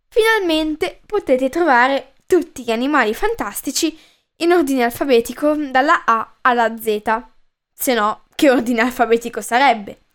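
A woman's voice: on the high side, clear, resonant tone. A woman hosting a podcast, reading a book aloud with playful asides.

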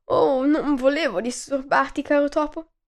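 A woman's voice: sits high, fairly even intonation, moderate pace. A woman voicing a tall, teasing female giraffe in a storybook reading, drawing her words out in a sing-song way.

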